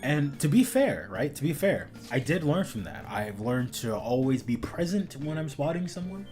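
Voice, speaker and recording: A young man streams a video game, chatting casually and rambling, laughing often and saying "dude" and "like" a lot. His medium-pitched voice is very animated and darkish in tone at a moderate pace, over soft background music.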